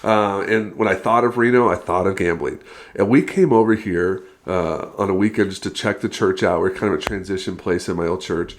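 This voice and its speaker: A man in his thirties from California speaks as a guest pastor in a relaxed podcast chat. His voice sits on the low side, and he talks with upbeat energy, often breaking into laughter between filler words. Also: fairly quick. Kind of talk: casual podcast interview.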